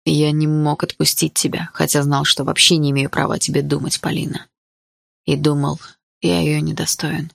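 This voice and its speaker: A woman reading the part of a teasing, cocky teenage boy in love, in a soft manner. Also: low voice, flat delivery, moderate pace, creaky, dry recording, clean studio sound, exaggerated voice. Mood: wistful.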